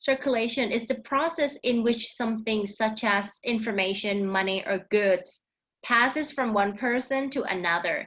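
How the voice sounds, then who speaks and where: A woman's voice: on the high side, very slow, a bit bright. A young Thai woman with a Thai accent teaching an online English vocabulary class, patient and often checking in with "okay". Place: online class with screen share. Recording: dull lo-fi online class audio.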